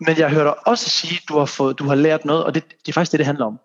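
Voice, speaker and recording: A man's voice: fairly high pitch, flat delivery. A man hosting a casual podcast as a fitness coach, rambling and restarting his sentences, dropping English phrases. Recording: dull lo-fi sound.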